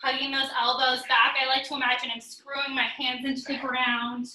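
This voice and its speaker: A young woman leads a guided workout class, counting down each set and cueing form while she does the moves herself. Her voice is very bright and sits high. She sounds set back from the mic in a roomy space. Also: brisk, distant mic. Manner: steady counting cues, instructive while exercising. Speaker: fitness instructor.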